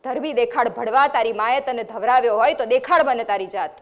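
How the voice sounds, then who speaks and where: A woman reading aloud from her novel, voicing a fearless village woman who loudly scorns and threatens a man. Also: on the high side, moderate pace, lightly acted. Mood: furious. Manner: scornful, shouting.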